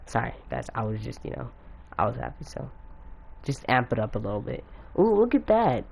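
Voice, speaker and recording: A man's voice: medium pitch, level tone, fairly quick, vocal fry, breathy edge. A young man casually retelling a fan-made story, rambling, slangy and often getting sidetracked.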